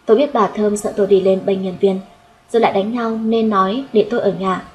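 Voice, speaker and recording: A woman's voice: mid-range voice, steady tone, fairly quick, poor audio. Woman reading a story. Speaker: audiobook narrator. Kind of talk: first-person audiobook story reading.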